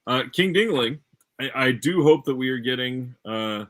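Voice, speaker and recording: Man explaining in a lively casual chat. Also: mid-range voice, normal speed. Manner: informed, explanatory. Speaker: guest, streamer. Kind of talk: casual chat about film releases.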